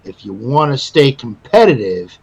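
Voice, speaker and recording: A man co-hosting a casual gaming podcast, animated and swearing freely, often stammering and restarting. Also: medium pitch, normal speed, creaky, slightly rough, poor audio. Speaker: podcast co-host.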